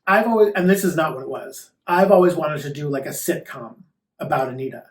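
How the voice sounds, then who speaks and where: Sassy male drag queen, fairly high voice. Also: lively intonation, brisk. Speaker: drag queen performer being interviewed. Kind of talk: casual interview chat. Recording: roomy echo, distant microphone.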